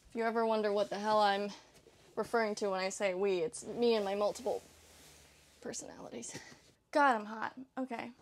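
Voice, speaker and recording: A young woman talks a little fast at a medium pitch as she vlogs casually about her new camper, over slight background noise. She's chatty and self-mocking, swearing off the cuff and laughing often, in the camper trailer and out on the land.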